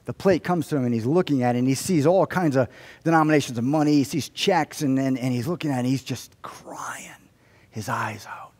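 Hushed-to-emphatic pastor in a reverberant sanctuary. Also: male voice, medium pitch, quick pace. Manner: storytelling, swings from hushed to emphatic. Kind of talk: sermon with prayer. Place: church sanctuary. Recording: long hall reverb.

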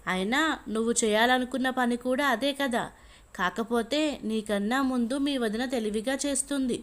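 A woman's voice: a little high, moderate pace, close to an everyday voice. A woman storyteller voicing a grown man, a husband who speaks in a dry, cutting, matter-of-fact way, in a storybook reading. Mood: dismissive.

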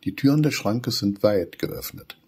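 A man reading a children's story aloud as storyteller, in an expressive, animated way. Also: lowish voice, unhurried, husky.

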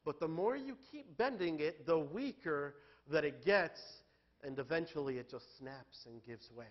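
A male pastor delivers a sermon in a church, his voice sitting a little high for a man. He talks candidly and conversationally, then swells into loud, emphatic peaks. The recording sounds dull and lo-fi. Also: animated, moderate pace.

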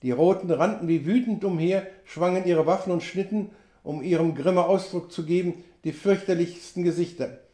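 German man reading an audiobook, high voice. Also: moderate pace, mellow. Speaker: audiobook reader. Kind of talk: audiobook narration of a classic adventure novel. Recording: roomy echo.

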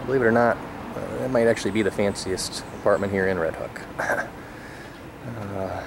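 A man in his thirties gives a relaxed, wry walking tour, talking while he walks outdoors with a handheld camera. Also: lowish voice, moderate pace, vocal fry. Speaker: vlogger. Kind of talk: casual walking-tour narration. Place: outdoors on sunny island streets. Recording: outdoor camera audio with street noise.

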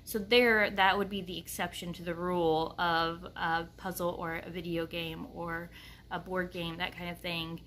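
A woman's voice: fairly low pitch, flat delivery, moderate pace, a bit bright. Woman, thirties, home vlogger; loose chatty delivery, faint background hum. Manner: chatty, rambling, many fillers. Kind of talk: casual chat to camera. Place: kitchen at home, indoors.

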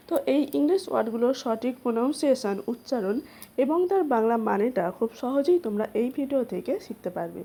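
A woman hosting a lesson, spelling English words letter by letter and repeating their meanings slowly. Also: fairly high pitch, dark tone. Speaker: English teacher, channel host.

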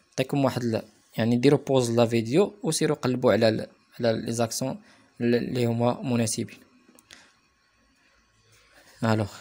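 A man with a Moroccan Arabic accent teaches French to young pupils in a recorded remote lesson. His voice sits at an ordinary middle pitch, and he stretches out each word slowly and repeats it so the children can follow. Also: a little mellow. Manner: spells words out slowly and repeats them for pupils.

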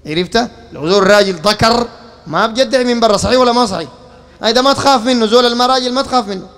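A man preaching to a gathered crowd in Sudanese Arabic, his voice pitched very high for a man. He speaks rhetorically, throws question after question at his listeners and keeps pulling their attention back to him. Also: racing, fairly bright tone. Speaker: preacher giving a public lecture. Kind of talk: public religious lecture.

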